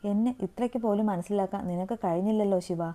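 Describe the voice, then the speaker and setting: A woman's voice: mid-range voice, steady tone, fast, dark tone, close to an everyday voice. A woman voicing a hurt but loyal young man who reproaches his friend in an earnest storytelling voice. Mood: reproachful.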